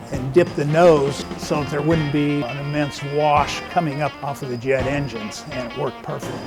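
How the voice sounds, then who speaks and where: A man giving an informal, explanatory promotional narration as a car expert. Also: fairly high pitch. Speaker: car expert presenting a restored muscle car. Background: music behind the voice.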